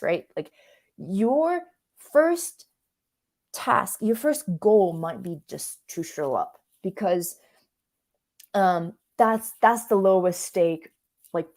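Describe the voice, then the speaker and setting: A native Russian speaker from Russia, this career coach hosts an online coaching workshop in a conversational, informal style. She often interrupts herself and checks in with listeners. Her voice is fairly low in pitch and a little mellow.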